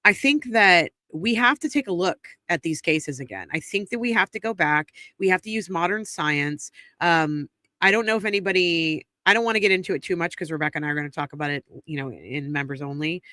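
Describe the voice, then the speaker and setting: A congested woman co-hosts a true crime livestream from a home studio near the DC area, talking casually into a close streaming mic and thinking aloud with lots of ums and restarts. Her fairly low voice is expressive, bright and forceful, and she speaks fairly quickly with no echo.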